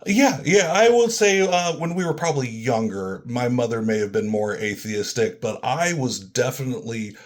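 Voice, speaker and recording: A man's voice: mid-range voice, normal speed, hardly any pauses. An American man speaking as an interview guest in an earnest, polite, eager conversational way.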